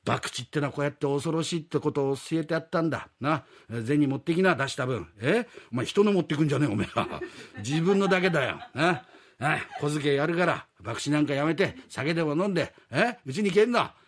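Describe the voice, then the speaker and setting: Rakugo guy doing a bossy old gambling boss, husky, rough street talk, voice jumping all over. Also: a little high, expressive, fairly quick. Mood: magnanimous. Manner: rough Edo-style street talk, commanding. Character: gruff, shrewd older male gambling boss. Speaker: rakugo storyteller. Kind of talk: classical rakugo performance.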